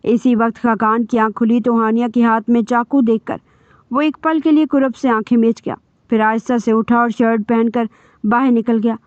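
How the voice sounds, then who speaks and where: Female narrator for a dramatic audio novel; slightly high voice, dull dry recording. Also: steady tone, darkish tone, clear, resonant tone, no room sound. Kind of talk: reading a romance novel aloud.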